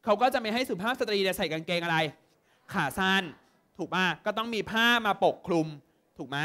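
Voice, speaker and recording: A young man from Thailand leads an exam-prep lesson, his voice sitting high for a man. He talks in a lively way and keeps pausing to ask students whether they follow. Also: smooth. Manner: lively, constantly checks understanding with quick questions. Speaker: tutor.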